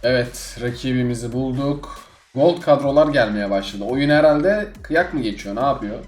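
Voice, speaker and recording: A young man giving live gameplay commentary, exasperated and swinging between loud outbursts and low grumbling. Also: normal speed. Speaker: gaming streamer. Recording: echoey room with game music behind.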